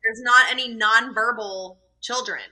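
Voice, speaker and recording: A woman's voice: a little high, fairly even intonation, measured pace, sharp tone, low-quality recording. A young woman who is a doula, a guest on an interview podcast, chatting and telling stories with lots of "um" and "like". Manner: chatty, lots of fillers, storytelling. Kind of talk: casual conversational interview.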